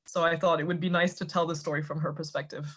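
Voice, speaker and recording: A woman's voice: low voice, little pitch movement, fast talker, fairly bright tone. A woman from Thailand with an American accent, an author explaining her work articulately in a video call interview. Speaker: author guest. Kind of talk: casual interview answers.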